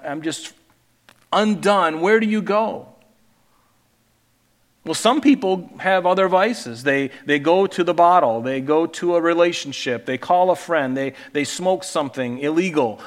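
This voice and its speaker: Earnest male pastor in a reverberant sanctuary. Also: fairly high pitch. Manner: earnest, emphatic scripture reading with asides. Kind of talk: sermon.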